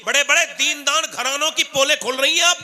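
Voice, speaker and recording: A man's voice: extremely high pitch, a little fast, pushed and bright. A man preaching a fiery sermon to a gathering, exhorting and repeating questions to draw responses. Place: religious gathering, through a PA.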